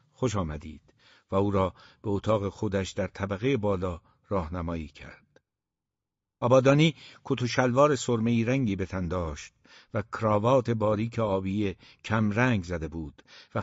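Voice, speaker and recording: A man narrating a story in a measured, even manner. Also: lowish voice, no echo. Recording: dull, dry lo-fi recording.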